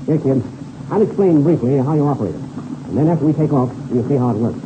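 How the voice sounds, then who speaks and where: In a 1930s radio serial style, an actor plays a confident, seasoned pilot mentoring a boy, sounding assured, slangy and enthusiastic. His medium-pitched voice is animated and fast, the acting light. The recording is scratchy, tinny and noisy like old-time radio.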